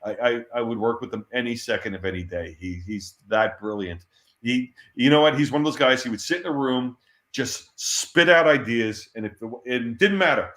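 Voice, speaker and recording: A middle-aged man, a former comics editor, tells lively stories as an interview guest. He laughs often and repeats words when excited. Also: medium pitch, moderate pace. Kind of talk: casual anecdotal storytelling. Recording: roomy echo.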